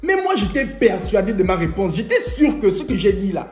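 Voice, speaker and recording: A man's voice: high voice, brisk. A young man vlogging a storytime, joking and laughing as he tells it. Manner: lively, joking storyteller who laughs often. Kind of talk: storytime vlog. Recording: echoey room, faint music.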